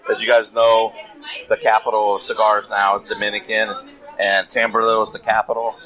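A man's voice: fairly low pitch, level tone, moderate pace, a bit bright, low-quality recording. A man who owns a cigar company, guesting on a casual podcast and telling teasing stories. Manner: teasing storyteller. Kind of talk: casual chat. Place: cigar lounge.

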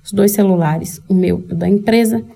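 Mellow-voiced Brazilian woman telling her story. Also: mid-range voice, brisk, creaky. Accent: Brazilian Portuguese. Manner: candid, emotional, speaks directly to viewers. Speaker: channel host. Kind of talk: personal storytelling vlog.

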